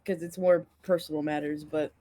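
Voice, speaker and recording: A woman's voice: deep voice, steady tone, normal speed, warm tone. A woman co-hosting a casual podcast, laughing often and swearing freely as she chats. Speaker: podcast co-host. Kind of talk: casual chat.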